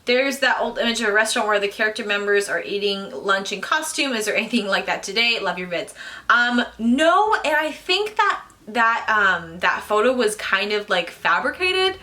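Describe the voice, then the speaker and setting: A woman's voice: mid-range voice, animated, normal speed, sharp tone. A woman, casually answering viewer questions in a chatty way, full of "um" and "like". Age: 20s. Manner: chatty, lots of fillers like "um" and "like". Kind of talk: casual Q&A talk to camera.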